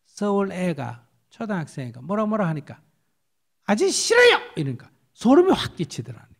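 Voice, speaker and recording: Older-sounding monk, gravelly and highly expressive; tells stories and fires rhetorical questions. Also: male voice, fairly quick. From South Korean countryside. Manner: animated storytelling, acts out quotes, rhetorical questions. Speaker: Buddhist monk answering questions. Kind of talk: lively spoken dharma Q&A.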